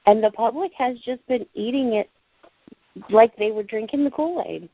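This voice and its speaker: A woman's voice: on the high side, moderate pace, dry recording, dull audio. Earnest woman in her forties on a call. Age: 40s. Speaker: caller, prepping group organizer. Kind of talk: casual conference call chat.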